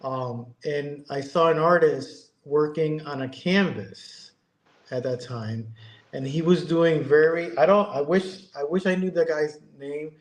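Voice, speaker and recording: A man in his fifties from Connecticut, speaking as a podcast guest with a slightly raised pitch. He talks in a casual, halting way, full of ums and restarts. The recording sounds roomy and echoey. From Connecticut, USA. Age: 50s. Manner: hesitant, many ums and restarts. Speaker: guest, airbrush artist. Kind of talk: casual interview chat.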